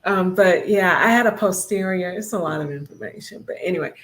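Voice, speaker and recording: A woman in her fifties co-hosting a casual talk show, a little out of breath, chatty and quick to laugh. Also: on the low side. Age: 50s. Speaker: co-host.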